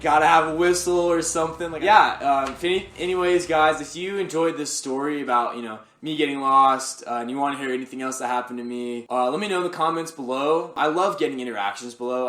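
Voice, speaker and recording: A man's voice: medium pitch, fairly bright tone. Rambling young man in echoey room. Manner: rambling, fills speech with "like". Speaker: vlogger. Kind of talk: casual storytelling. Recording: roomy echo.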